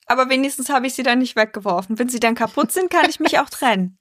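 A woman's voice: high voice, animated, fast, fairly bright tone, no room sound, clean studio sound. A woman co-hosting a casual podcast chat, with playful, wry asides. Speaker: podcast co-host.

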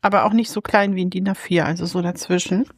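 A woman's voice: on the low side, steady tone, fast, no room sound, studio quality. A woman co-hosting a casual podcast chat, talking with enthusiasm, thinking aloud and laughing often. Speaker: podcast co-host reviewing comics.

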